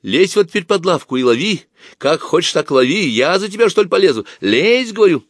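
A man playing a shrill, flustered young train conductor. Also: very animated, a little fast, no room sound, studio quality. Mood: tearful scolding. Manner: shouting, tearful scolding.

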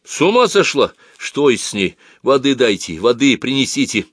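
A man voicing a young pioneer leader who barks sharp commands in a storybook reading. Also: mid-range voice, big pitch swings, normal speed, husky, dry recording, clean studio sound, voice pushed up. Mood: commanding.

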